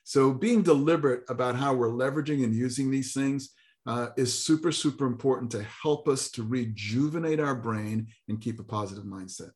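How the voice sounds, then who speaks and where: An earnest man with a Jamaican accent talks as an interview guest. His voice sits at a middle pitch, and he repeats key words to stress them. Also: normal speed, a little mellow. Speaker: guest speaker and author. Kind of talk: podcast interview.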